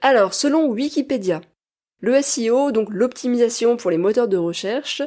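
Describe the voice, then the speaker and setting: A woman's voice: on the high side, normal speed, mellow. A woman hosting a podcast interview, speaking in a friendly, explanatory way with light laughs. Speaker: podcast host.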